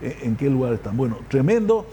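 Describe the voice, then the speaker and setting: A man hosting a talk show, speaking in a casual, halting way with many fillers and restarts. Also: mid-range voice, very animated, mellow, a little hiss or hum. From grew up partly in Argentina and Ecuador. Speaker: radio talk show host. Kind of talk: casual studio conversation.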